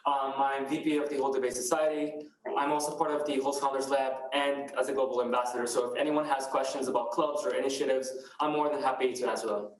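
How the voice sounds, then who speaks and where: A man's voice: mid-range voice, little pitch movement, quick pace. A man from Morocco, a student, chatting in an upbeat way with fillers over a video call. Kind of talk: casual chat. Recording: echoey room.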